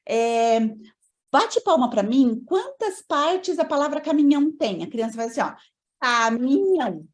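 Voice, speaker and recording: A woman's voice: a little high, warm tone. A woman teaching a training lecture on learning disorders, explaining in a didactic way and putting rhetorical questions to her audience.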